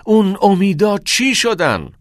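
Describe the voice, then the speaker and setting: A man's voice: sits high, very animated, no echo, clean studio sound, voice pushed up. A man voicing a passionate middle-aged male teacher who urges and exclaims like a preacher. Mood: earnest.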